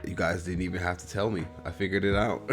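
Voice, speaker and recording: A man with a Midwestern US accent talks through an album review in a loose, rambling way, swearing freely. His voice sits a little low, and soft music plays faintly behind him. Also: fairly even intonation, normal speed. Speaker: host.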